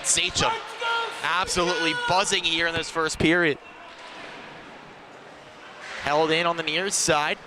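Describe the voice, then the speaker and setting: A man's voice: fairly high pitch, flat delivery, a little slow, long pauses, crowd noise. Man calling hockey play-by-play, noisy background. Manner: clipped phrases following the play. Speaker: play-by-play ice hockey commentator. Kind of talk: live sports commentary. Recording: noisy rink ambience around the mic.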